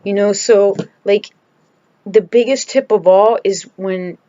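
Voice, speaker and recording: A woman's voice: medium pitch, steady tone, takes it slowly, warm tone, no room sound, dull audio. A woman talking candidly into the camera from home in a casual video diary, emphatic and searching for words as she goes. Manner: candid and emphatic, restarts and trails off. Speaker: vlogger.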